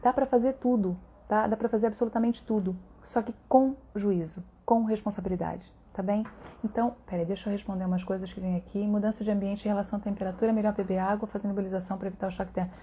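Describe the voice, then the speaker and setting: Chatty Brazilian woman with a dark voice. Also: medium pitch, steady tone, quick pace, slight background noise. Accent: Brazilian Portuguese. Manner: chatty and warm, many tag questions. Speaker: voice therapist hosting a live stream. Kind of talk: casual live-stream talk answering viewers.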